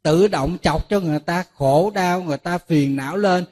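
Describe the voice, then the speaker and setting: A Buddhist monk preaches to a gathered audience in a fairly high voice. He tells lively stories and plays out both sides of conversations. He keeps turning to the listeners with rhetorical questions. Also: moderate pace. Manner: lively storytelling, acting out dialogues with listeners. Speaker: Buddhist monk giving a dharma talk. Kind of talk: sermon to a lay audience.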